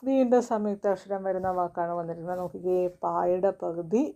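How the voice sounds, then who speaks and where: A woman teaching a children's reading lesson. She sounds out words slowly, syllable by syllable. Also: fairly low pitch, steady tone, creaky, warm tone. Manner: slow, syllable-by-syllable spelling.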